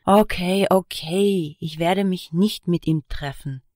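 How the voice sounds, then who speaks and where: A woman's voice: lowish voice, slow, a little mellow, no echo, clean studio sound. A woman reading the part of a stubborn young woman, fed up with surprises and indignant. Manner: indignant, exasperated.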